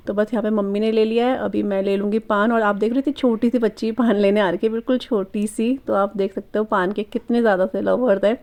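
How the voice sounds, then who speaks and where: A woman's voice: mid-range voice, darkish tone. A woman in her thirties chatting casually through her daily vlog in a homely, rambling way. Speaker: vlogger.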